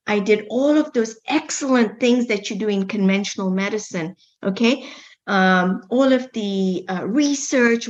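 A middle-aged medical doctor from Kenya shares her story in a relaxed interview, speaking with animation, repeating words and tossing in playful asides. Her pitch is on the high side, and the audio is muffled.

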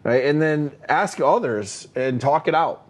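A man's voice: on the high side, lively intonation, a little slow. A man co-hosting a leadership podcast, talking emphatically with many fillers and "right?" tags. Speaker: podcast co-host, leadership coach. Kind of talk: casual leadership podcast chat.

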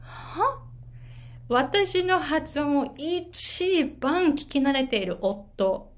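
A high-sitting female voice, very slow, belongs to a middle-aged woman from Japan coaching English pronunciation casually on video. She tells her stories with animation and alternates between English and Japanese.

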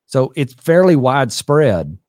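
A man's voice: mid-range voice, very animated, a little slow, darkish tone, no echo. A man hosting a call-in advice show, explaining things to callers in a patient, plain way. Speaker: host.

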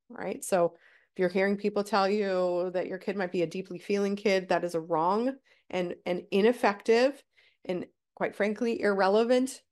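A woman's voice: mid-range voice, darkish tone. A woman hosting a parenting podcast, explaining in a casual teaching way with many "right?" check-ins, her voice stuffy and nasal from a cold.

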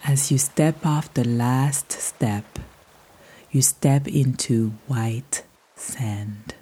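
Meditation guide, female. Very deep, mellow, hushed delivery, unhurried soothing countdown pacing that drifts toward a whisper. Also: a little hiss or hum. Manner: slow, soothing, hushed, trailing into near-whisper. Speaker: meditation podcast host and guide. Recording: soft music behind the voice. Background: soft music.

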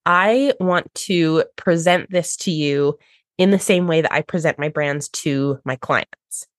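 On a podcast, a woman who works as a brand strategist and designer enthusiastically explains her process, voicing her clients' reactions in high voices. She takes her time, and the recording is dry with clean studio sound.

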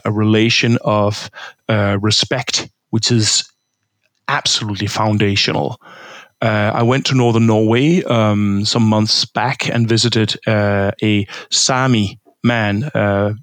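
A Danish man, a historian of religion, gives a thoughtful interview answer in a fairly low voice, hesitating often and restarting his sentences. He halts and uses many fillers. There is no room sound.

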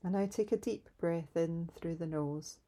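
A woman leading a calm guided grounding exercise in a soft, soothing, unhurried way, pausing between instructions. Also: fairly low pitch. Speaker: meditation guide.

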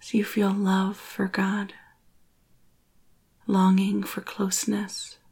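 In a mid-range, husky voice with a recurring gentle creak, a woman leads a spiritual meditation, almost whispering and very breathy. She keeps her intonation flat and calm, letting long silences fall between brief phrases.

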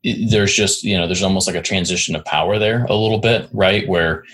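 A man's voice: low-pitched, fairly even intonation, a little fast, fairly bright tone, breathy edge. A man hosting a conversational interview, talking in a rambling way with many restarts and frequent "right?" tags. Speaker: podcast host.

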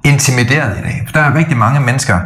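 A middle-aged man co-hosting a podcast, talking in a casual, animated way that often stumbles and restarts. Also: mid-range voice. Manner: animated storytelling with frequent restarts. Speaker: podcast co-host. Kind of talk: casual chat.

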